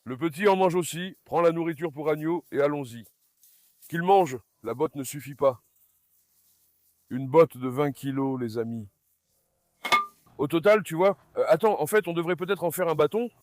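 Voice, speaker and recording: A man's voice: fairly high pitch, normal speed, long pauses, a little mellow, dry recording, studio quality. A man vlogging from his farm in a casual, chatty way, coaxing his animals fondly. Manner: chatty, coaxing and fond when talking to animals. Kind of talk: casual vlog narration.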